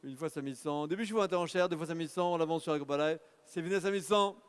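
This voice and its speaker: A man's voice: fairly high pitch, smooth. A man working as an auctioneer, calling bids in a rhythmic, urging patter at a live car auction in an auction hall. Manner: rapid rhythmic bid calling, urging bidders. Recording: long hall reverb.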